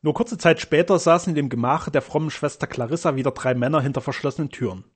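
A man reading a storybook aloud in a lowered, even narration voice. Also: fast, husky. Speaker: audiobook narrator. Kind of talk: scripted narration.

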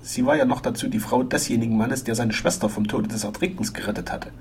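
A man narrating a classic adventure novel in a measured, even-paced reading. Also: mid-range voice, a little hiss or hum. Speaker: audiobook narrator. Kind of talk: scripted storybook narration.

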